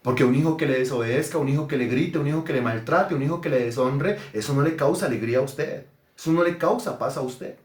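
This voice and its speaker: A man preaching a sermon in an emphatic way, briefly acting out parents and children in quick put-on voices. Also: fairly high pitch, a little mellow, roomy sound. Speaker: pastor.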